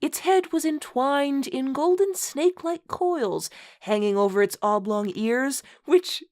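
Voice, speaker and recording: Reading a bad fantasy story dramatically, a woman uses a high, darkish voice at a slightly slow pace. She keeps dissolving into giggles and laughter, tossing in amused asides.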